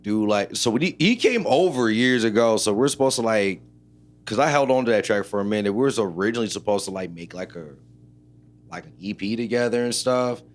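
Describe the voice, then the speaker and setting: A man from Illinois with a fairly low, smooth, resonant voice. He talks loosely and rambles, leaning on fillers as he answers interview questions. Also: animated, brisk. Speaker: rapper and producer guest. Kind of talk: casual interview chat.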